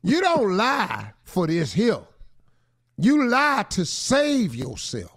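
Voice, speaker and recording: A man with a high, bouncing voice that swings widely as he talks. He gives playful relationship advice on a talk show and mockingly quotes the letter writer. The sound is close and dry. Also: wildly swooping pitch, slow, fairly bright tone, dry recording. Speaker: radio show co-host giving advice. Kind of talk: comic relationship advice chat.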